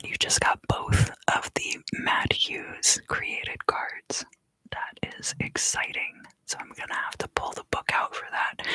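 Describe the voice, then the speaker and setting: A livestream host, female, gives a tarot reading in a gentle ASMR whisper; her pace is relaxed and soothing, and the room sounds spacious.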